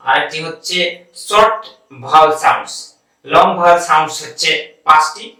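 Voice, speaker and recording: A man with a Bangladeshi accent teaching an online English pronunciation class. He says each word slowly several times and then gives its meaning. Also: a little high, sharp tone, very echoey, recorded from a distance, poor audio. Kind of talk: online language lesson.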